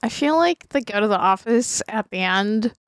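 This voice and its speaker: A woman co-hosting a podcast, chatting in an animated, wry, joking way. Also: mid-range voice, smooth, no room sound, studio quality. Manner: animated, wry and quick to joke. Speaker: podcast co-host. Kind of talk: casual chat.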